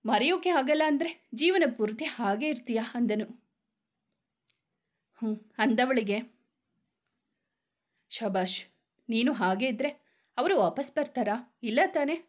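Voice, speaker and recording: A woman's voice: on the high side, expressive, unhurried, long pauses. A woman narrating a serialized romance story, reading every character's lines herself with small shifts in tone.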